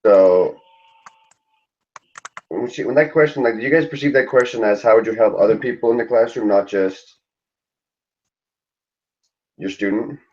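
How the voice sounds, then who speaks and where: A man's voice: on the low side, moderate pace, long pauses, darkish tone. A young man student in a casual group discussion, talking loosely and hesitantly with many fillers, on dull lo-fi audio.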